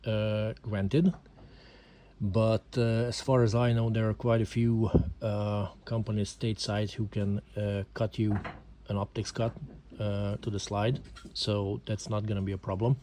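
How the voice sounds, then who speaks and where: In a noisy setting, a Hungarian man gives a casual, hesitant home-video explanation of a handgun in accented second-language English, full of fillers. This amateur gun reviewer speaks in a lowish, flat, unhurried voice.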